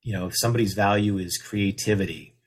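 A low-voiced man with a husky edge speaks as a guest on a radio interview. He explains ideas in a measured way, drawing out the key terms. The delivery is steady and patient. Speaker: guest expert on leadership.

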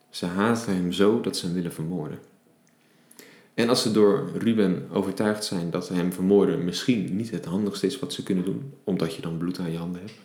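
Deep-voiced man reading and explaining scripture. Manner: reads scripture aloud, then explains in a relaxed, reflective way with fillers. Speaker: Bible teacher. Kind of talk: Bible reading with devotional commentary. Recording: roomy echo.

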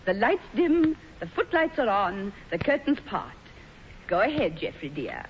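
A woman's voice: mid-range voice, very animated, unhurried. A woman playing a vain, gushing, domineering stage actress in theatrical, affected 1940s radio comedy style. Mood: grandly commanding. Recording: muffled old radio broadcast, faint noise.

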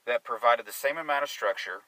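Guy who's a drug counselor, bright forceful voice, kinda off-mic in a dry room, thinks out loud. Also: mid-range voice, fairly quick, dry recording, recorded from a distance, poor audio. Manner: conversational, sarcastic at times, searching for words. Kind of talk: casual discussion.

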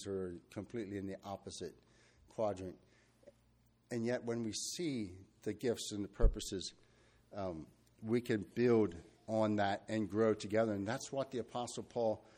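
Man preaching a loose, unscripted sermon. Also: lowish voice. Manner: unscripted and searching, with restarts and fillers; reads scripture in a steady measured cadence.

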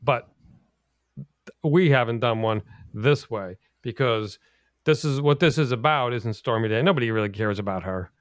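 A man's voice: mid-range voice, normal speed, clear, resonant tone, no echo. A man hosting a casual talk podcast, speaking in a mid-range voice with loose, rambling sentences full of restarts. The sound is dry and close, with no room in it. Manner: rambling, with frequent restarts and fillers. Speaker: podcast host. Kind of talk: casual chat.

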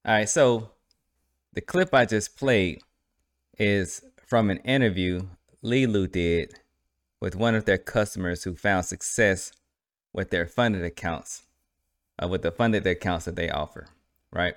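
Man, podcast host, low voice, dry recording, casual commentary. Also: unhurried, pauses often, dry recording. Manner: conversational, repeats "right?" to the listener.

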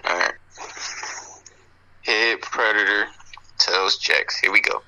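Bright, forceful man arguing playfully. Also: fairly low pitch, fairly even intonation, takes it slowly, no room sound, poor audio. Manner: emphatic, repeats phrases for effect. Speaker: panelist on a debate show. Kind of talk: animated casual argument among friends.

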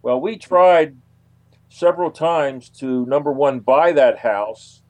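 Here a man with a mid-range, slightly dark voice appears as an interview guest. He recounts stories in a relaxed way, hesitating often and leaving long pauses.

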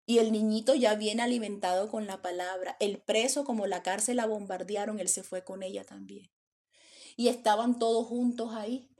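A woman's voice: medium pitch, steady tone, moderate pace, darkish tone. A woman preaching a sermon, telling stories dramatically and acting out the voices. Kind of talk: sermon storytelling.

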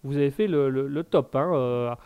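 A man's voice: medium pitch, moderate pace, dark tone, smooth, no room sound. A man hosting a live online talk show, rambling and often repeating words. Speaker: host.

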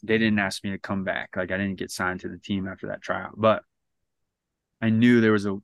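A man in his thirties, a podcast guest, tells his story casually and ramblingly, with many restarts and "like" fillers. His low voice has little pitch movement, normal speed and vocal fry, with no echo.

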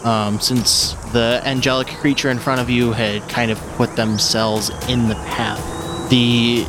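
Male game master, unhurried tabletop narration over clearly audible rain. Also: medium pitch, level tone. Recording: clear rain noise behind.

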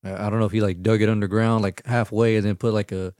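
A man with a fairly low voice chats loosely among friends. He rambles and restarts, swearing as he goes. The recording is dry and close. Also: flat delivery, quick pace, darkish tone, dry recording. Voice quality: profane, rambling. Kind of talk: casual chat.

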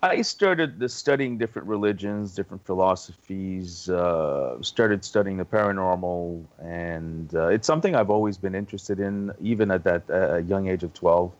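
Male interview guest, deep voice, hesitant casual recollection, lo-fi sound. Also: moderate pace, hardly any pauses, no echo. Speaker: interview guest, paranormal investigator.

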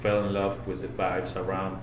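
A man from Venezuela with a Venezuelan Spanish accent, a brewer answering interview questions in halting English as he searches for words. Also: sits low, monotone. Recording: roomy sound with background noise.

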